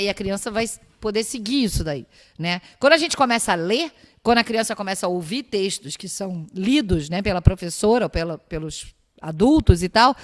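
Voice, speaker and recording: Brazilian woman lecturing in a reverberant hall. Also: medium pitch. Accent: Brazilian Portuguese. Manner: explanatory, many rhetorical questions and tag "né". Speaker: university lecturer. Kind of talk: academic lecture.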